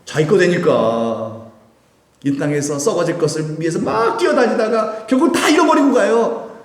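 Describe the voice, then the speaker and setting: A pastor preaches a Sunday sermon in a church sanctuary, the hall's echo trailing long after his words. He speaks at normal speed in a high-sitting, expressive voice, asking the congregation questions throughout.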